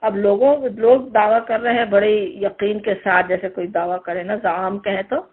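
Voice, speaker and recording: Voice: mid-range voice, little pitch movement, slightly rough. A Quran teacher giving a commentary lesson, explaining the verses word by word with emphasis. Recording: tinny phone-like recording.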